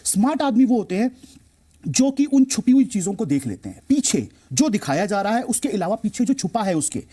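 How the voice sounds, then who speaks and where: A man's voice: high-pitched, very animated, a little fast, mellow, breathy edge. A man appearing as a stock market expert on a TV show, explaining emphatically and repeating key phrases for effect. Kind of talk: explaining to a TV host.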